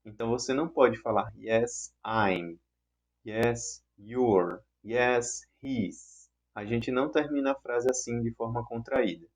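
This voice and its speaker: A man teaching an online English lesson in Portuguese, who repeats the example sentences patiently and clearly. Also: mid-range voice, takes it slowly.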